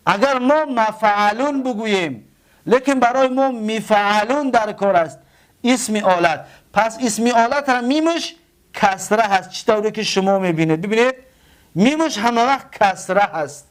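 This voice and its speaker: Male teacher, Tajik accent, high voice, smooth and resonant, slow and repetitive, spells words out. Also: expressive. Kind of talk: grammar lesson.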